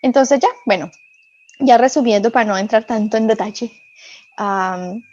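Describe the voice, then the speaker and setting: A woman from Colombia gives her personal faith testimony as a podcast guest. Her voice sits somewhat high, and she tells her story earnestly, often dropping into soft asides. The recording is dull and lo-fi. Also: moderate pace.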